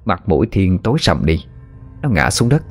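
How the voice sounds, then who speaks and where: A man narrating a spooky story in a steady, even manner. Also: low-pitched, normal speed. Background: faint background music.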